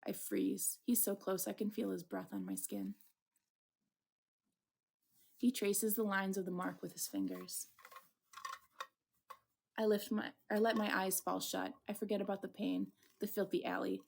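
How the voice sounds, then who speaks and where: Woman playing a theatrical, flirtatious wounded man, creaky voice. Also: mid-range voice, lively intonation, a little slow, long pauses, darkish tone. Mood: smitten. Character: Julian, wounded flirtatious man, dramatic and lovestruck narrator. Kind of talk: dramatic visual novel reading.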